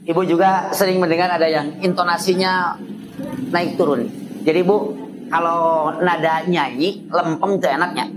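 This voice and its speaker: A man preaching with a Sundanese accent in a casual sermon, swinging his pitch high and low for effect and slipping into dialect. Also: fairly even intonation, normal speed, over music, low-quality recording. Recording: live talk with ambient noise.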